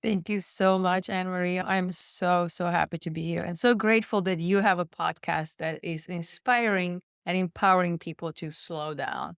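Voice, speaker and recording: Podcast guest, woman, lowish smooth voice, earnest and reflective. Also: fairly even intonation, normal speed, hardly any pauses, no echo, clean studio sound. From Slovakia. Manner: earnest, reflective, repeats words while thinking. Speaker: guest, nutritionist and pharmacist. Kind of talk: personal storytelling in conversation.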